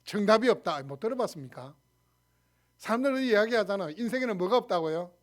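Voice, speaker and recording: A man's voice: high-pitched, fast talker. A man with a Gyeongsang accent, a pastor preaching a sermon, who asks the congregation questions and answers them himself. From Gyeongsang region, Korea. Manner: animated preaching, acts out shouted quarrels in dialect.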